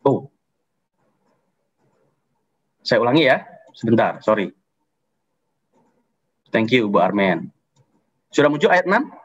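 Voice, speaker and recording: A man preaching an online youth sermon in a lively, conversational way, repeating his key points. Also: medium pitch, slow pace, pauses often, slightly rough, muffled recording. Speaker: youth pastor.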